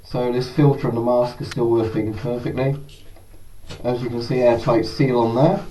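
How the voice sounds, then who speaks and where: A man gives a casual product test commentary from inside a gas mask. His voice is muffled and dull, with little brightness. It sounds set back from the microphone, with a faint layer of noise. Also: medium pitch, steady tone, normal speed. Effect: voice through a gas mask. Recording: distant mic, faint background noise.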